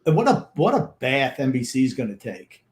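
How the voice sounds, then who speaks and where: A man's voice: medium pitch, sing-song, a little fast, roomy sound. An older man co-hosting a sports talk show, blunt and grumpy with dismissive opinions. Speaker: co-host.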